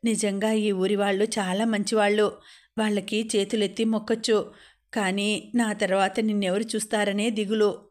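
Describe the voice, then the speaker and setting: A woman's voice: medium pitch, level tone, moderate pace, lightly acted. A woman reading as a worried older mother. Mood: sorrowful.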